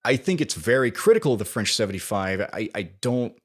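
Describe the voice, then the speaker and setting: A man's voice: mid-range voice, big pitch swings, brisk. A man co-hosting a podcast, casually retelling film scenes in detail. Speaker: podcast co-host.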